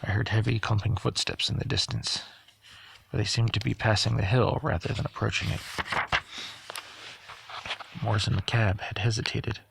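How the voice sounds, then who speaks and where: A man narrating a novel aloud at a steady pace, sometimes stumbling over a word and correcting himself. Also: on the low side, normal speed, creaky, long pauses, slight background noise. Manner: steady reading with occasional stumbles and self-corrections. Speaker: audiobook reader. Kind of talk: audiobook narration.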